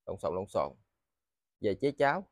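A man with a southern Vietnamese accent giving a casual, rambling sales vlog, halting and often repeating his words. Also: fairly low pitch, very animated. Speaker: seller of used motors and machine parts. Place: indoors in a cluttered tiled storeroom.

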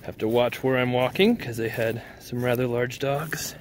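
A man's voice: medium pitch, normal speed, a little hiss or hum. A man walking through a half-renovated house with a handheld phone, casually narrating what he sees. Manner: relaxed, offhand, thinking aloud with small restarts. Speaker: real estate investor giving a house tour. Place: empty house under renovation, indoors and out.

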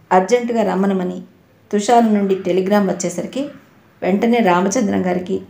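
Brief: female audiobook narrator, expressive storytelling, mellow tone, echoey room. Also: mid-range voice, vocal fry. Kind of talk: scripted narration of a novel. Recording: roomy echo.

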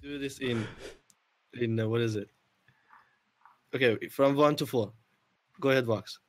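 A man's voice: mid-range voice, unhurried. A man chatting casually with friends during a multiplayer game, laughing constantly between lines. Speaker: gaming group member.

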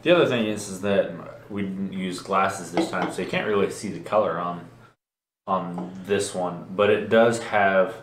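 A young man co-hosting a beer review, chatting in a relaxed, joking way and swearing now and then. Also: deep voice, normal speed, noisy background. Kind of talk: casual chat. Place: room with a table, indoors. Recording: echoey room.

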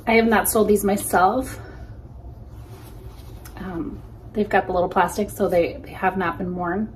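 Looking over used shoes on camera, a woman in her forties chats through a casual unboxing for her reseller vlog, easygoing and full of ums. She speaks at a measured pace with a medium, steady pitch from a small room with a plain wall behind her. The audio is poor, with slight background noise.

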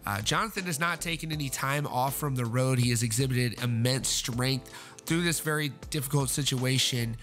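An earnest man narrating a rock news update as host, speaking at a middling pitch. He leans on fillers and restarts as he goes. Faint music plays softly under his voice. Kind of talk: voice-over news report.

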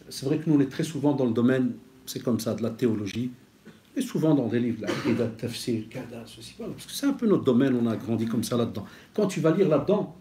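A preacher and teacher gives a lecture-style sermon in a medium-pitched voice that is mellow and warm rather than bright. He teaches like a storyteller, lively and conversational, mixing Arabic expressions into his teaching.

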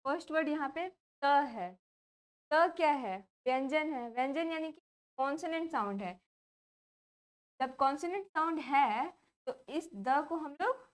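High-voiced Indian woman teaching grammar. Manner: asks questions and answers them herself, repeats key points. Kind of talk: classroom lesson explaining grammar.

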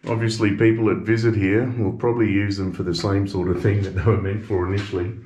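Brisk, level and slightly rough, this man's voice narrates a casual walking-and-driving vlog that moves from an abandoned building into a car. He muses aloud and curses at other drivers, while the lo-fi camera sound is dull and dominated by engine rumble.

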